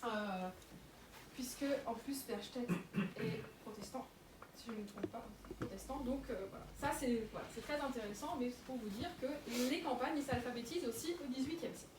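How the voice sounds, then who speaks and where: A young woman gives a public lecture with a fairly high voice, pausing often on fillers and restarting her sentences. She sounds far from the mic in an echoey room. Steady noise runs under her voice. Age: young adult. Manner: hesitant, many fillers and restarts.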